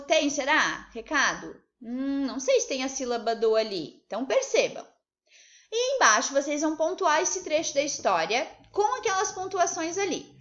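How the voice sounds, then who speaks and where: A woman teaching a remote class to young children, lively and coaxing, asking many questions. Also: high voice. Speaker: primary school teacher. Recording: slightly dull lo-fi recording.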